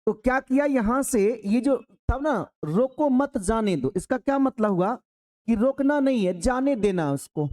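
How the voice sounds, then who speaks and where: A man teaching an online exam-prep grammar lesson. He speaks straight to his students, works slowly through an example and repeats key phrases for emphasis. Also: extremely high pitch, animated, darkish tone.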